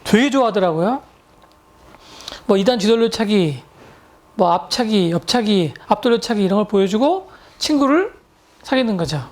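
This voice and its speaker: A woman's voice: mid-range voice, expressive, normal speed, long pauses, a little mellow. A woman from Korea, an English tutor, telling chatty anecdotes to viewers and mixing in English words. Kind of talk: storytelling lecture to viewers.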